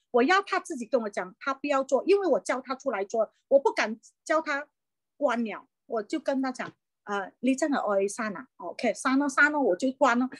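High-voiced middle-aged woman telling her life story. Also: no echo. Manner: earnest and heartfelt, with frequent hesitant fillers. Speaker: business leader sharing her story. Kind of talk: personal testimony talk.

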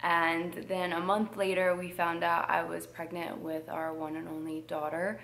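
A young woman vlogging a personal update at home, emotional and hesitant, pausing often with fillers. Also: fairly low pitch, flat delivery, vocal fry, a bit bright, a little hiss or hum. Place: at home with her dog.

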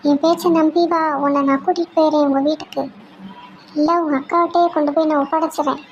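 A woman's voice: sits high, steady tone, fast, lo-fi sound. A woman voicing a sly man who coaxes a girl to trust him in a magic fort story, in a noisy recording. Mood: coaxing. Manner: coaxing, insistent. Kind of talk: storybook voice acting.

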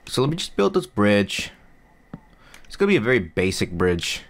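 Lowish and very animated, this young man talks at a moderate pace while commenting on his game. A gaming YouTuber and non-native English speaker, he rambles, pokes fun at himself, and keeps using fillers and restarting his sentences.

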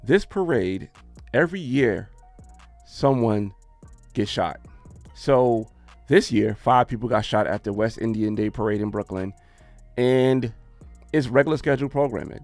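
A man's voice: mid-range voice, dry recording. An exasperated man hosts a casual commentary video, hammering his points home again and again. His voice sits in a middle register, recorded close and dry. A little music plays faintly underneath. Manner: exasperated, repetitive emphasis.

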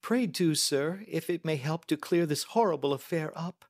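A man voicing an earnest, anxious young Victorian lady with polite, soft-spoken pleading, in audiobook style. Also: a little high, moderate pace, pitched above the performer's own voice. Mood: cooperative, earnest. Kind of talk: audiobook character acting.

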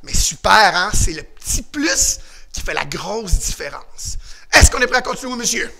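A man teaching a karate class for children on video, shouting commands and leading call-and-response drills. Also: sits high, very animated, normal speed, gravelly, noisy background. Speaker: karate and kickboxing instructor.

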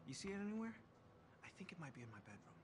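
Casual young guy in a game, lively pitch, noisy ambience under him. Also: quick pace. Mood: calm.

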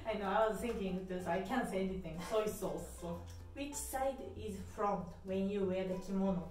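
A woman's voice: mid-range voice, normal speed, a little mellow. A young woman, a native Japanese speaker with a Japanese accent, playfully hosting a casual quiz in English as a second language. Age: young adult. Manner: playful, giggly. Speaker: quiz host. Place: small indoor bathroom. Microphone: camera a few steps away. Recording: echoey bathroom, distant microphone, music behind.

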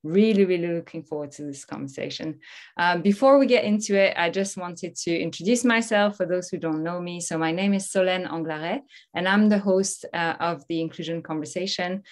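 Speaking into her laptop webcam on a video call, a woman in her thirties hosts an online talk show from her home office. Her voice sits a bit low and runs slightly fast, and she comes across as upbeat and welcoming.

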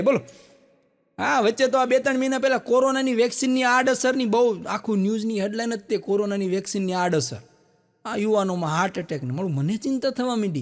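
A man with a Gujarati accent doing stand-up, telling jokes and stories in a chatty way with asides to the audience. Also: high voice. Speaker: stand-up comedian. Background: audience laughter.

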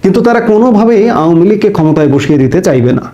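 A man's voice: high-pitched, animated, very fast, mellow, lo-fi sound. A man giving a political commentary monologue, reading out court details and then arguing his own view.

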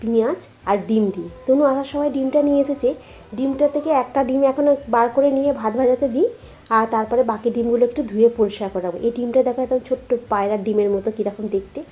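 A chatty woman talks her viewers through her day at home, her voice a little high and mellow. She keeps checking in with the audience as she goes. The room rings with echo, and faint music plays underneath. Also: a little fast. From India. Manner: chatty, keeps turning to viewers with "you know". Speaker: daily vlogger. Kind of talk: casual vlog narration. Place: home kitchen, indoors.

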